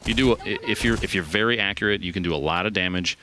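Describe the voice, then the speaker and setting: A man's voice: low-pitched, fast talker, pushed and bright, a little hiss or hum. A man giving live game commentary as a caster, joking and analytical. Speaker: esports caster. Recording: cheering crowd and game gunfire behind.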